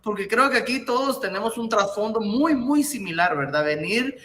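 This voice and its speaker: A man's voice: sits high, expressive, moderate pace, background noise. A man hosting an interview, eagerly asking questions and agreeing with enthusiasm. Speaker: host.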